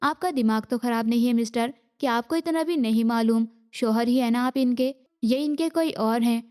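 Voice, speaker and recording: A woman's voice: on the high side, mellow, close to an everyday voice. A woman reading the part of a stern, sarcastic woman doctor in an audiobook. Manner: sarcastic, blunt.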